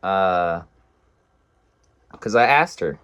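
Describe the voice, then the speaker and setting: A man's voice: deep voice, animated, extremely slow, a bit bright, clear, resonant tone. A young man telling a casual story in a blunt, profane, rambling way.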